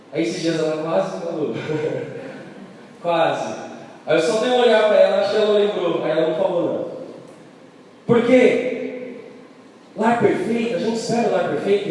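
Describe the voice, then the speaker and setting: A man with a Brazilian Portuguese accent preaching a sermon as a church elder, swinging between loud proclamation and quiet personal storytelling. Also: high-pitched. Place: church sanctuary. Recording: echoey church hall from far off, faint noise.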